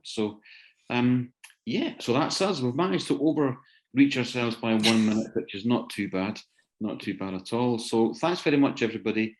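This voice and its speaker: In an online video session, a man hosting a seminar offers casual closing remarks to attendees. He's hesitant, often repeating words as he gropes for phrasing. His pitch is fairly low, and the audio is poor.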